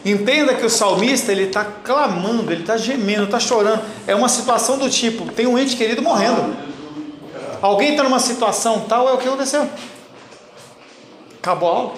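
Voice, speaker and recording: A man's voice: very high-pitched, brisk. A man, a pastor teaching a Bible class in a blunt, teasing way and calling on listeners by name. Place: church hall. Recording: roomy church echo, faint noise.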